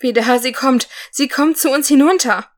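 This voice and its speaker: A woman voicing a loyal, frightened male dwarf with a high, trembling voice. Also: fairly even intonation, normal speed, a bit bright, natural voice. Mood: fearful. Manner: high-pitched, shaky voice.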